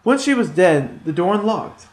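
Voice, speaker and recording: A man's voice: high-pitched, big pitch swings, normal speed. A man, a student, telling a rewritten fairy tale in a plain, slightly hesitant way. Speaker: storytelling student. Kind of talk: storytelling. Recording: echoey room.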